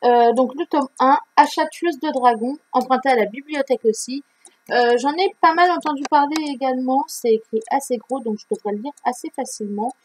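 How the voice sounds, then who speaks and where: A woman's voice: high voice, a little fast, low-quality recording. Chatty book vlogger woman. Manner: chatty, many fillers and restarts. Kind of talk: casual reading-list vlog.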